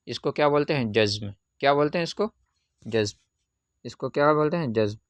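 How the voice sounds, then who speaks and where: In this Qaida reading lesson, the male teacher patiently asks questions, answers them on his own, and draws out the syllables he recites. He speaks at a medium pitch. The recording is dry and the audio sounds dull.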